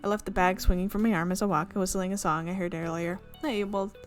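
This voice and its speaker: Hosting a gaming video, a woman reads visual novel narration fast in a steady, mid-range voice. She makes frequent slips that she goes back to correct, and soft music runs beneath her.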